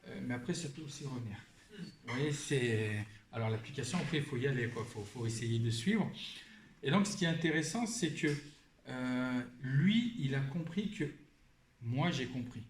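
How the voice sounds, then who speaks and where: A man's voice: medium pitch, lively intonation, normal speed. A middle-aged father talking informally in a webinar, hesitant and full of restarts, acting out bits of dialogue with his child. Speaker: parent speaking in a webinar. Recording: echoey room, faint background noise.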